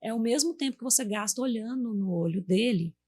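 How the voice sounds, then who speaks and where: Brazilian woman in her thirties, husky tone, chatty storyteller voicing her own quotes. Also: fairly high pitch, animated, brisk. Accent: Brazilian Portuguese. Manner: warm storytelling, acts out quotes to her kids. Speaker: guest. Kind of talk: casual chat.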